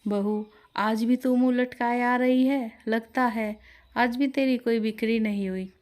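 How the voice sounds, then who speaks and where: A woman's voice: fairly high pitch, steady tone, measured pace, darkish tone, natural voice. A woman voicing a worried, complaining old mother-in-law in a storybook tale, with a raised, scolding voice. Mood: weary.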